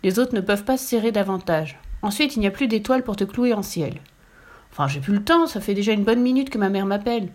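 A small boy god in a storybook, spoken by a woman reader. He sounds childish and matter-of-fact, brushing off complaints. His tone stays brisk and offhand. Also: medium pitch, animated, a little mellow, natural voice.

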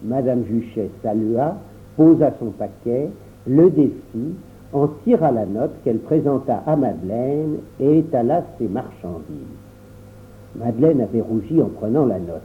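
A man narrating a storybook in a measured, expressive reading. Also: medium pitch. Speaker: audiobook narrator. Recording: tinny phone-like line with faint hiss.

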